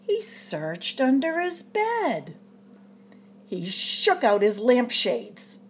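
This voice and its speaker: A storytime reader at a public library reads a children's picture book aloud in a lively, swooping, slightly high voice. Like a practiced storyteller, she takes her time, delivering it expressively and dramatically and drawing out phrases for suspense. Faint noise can be heard in the recording.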